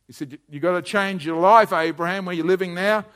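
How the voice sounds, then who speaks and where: High, bright-voiced urgent male preacher. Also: fairly quick, smooth. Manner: urgent, swings from loud pleading to hushed low warnings. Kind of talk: sermon.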